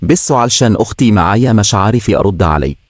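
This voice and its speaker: Man doing protective young Egyptian brother, easygoing, jokey, low voice. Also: lively intonation, fast, dry recording, studio quality. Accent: Egyptian Arabic. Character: protective young male engineering student.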